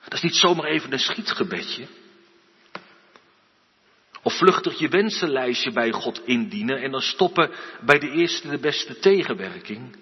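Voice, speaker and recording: A man preaching a sermon, slow and earnest, building to emphatic outbursts. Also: medium pitch, lively intonation, slightly rough. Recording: dull lo-fi recording with long church reverb.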